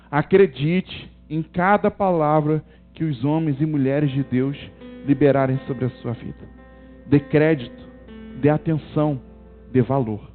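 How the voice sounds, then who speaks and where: A man with a high voice preaching at a church service, stressing each short phrase and repeating it. The recording is thin and muffled, as if over a phone, with soft music in the background. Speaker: pastor. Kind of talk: sermon. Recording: tinny phone-like sound with faint music.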